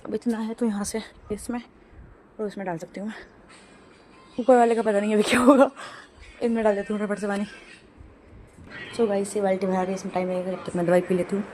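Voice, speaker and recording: A woman's voice: medium pitch, flat delivery, a little fast, long pauses, a little mellow, a little hiss or hum. A young woman talking casually to her vlog audience while doing chores at home, narrating each step and laughing at herself. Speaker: vlogger. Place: home rooftop and garden area.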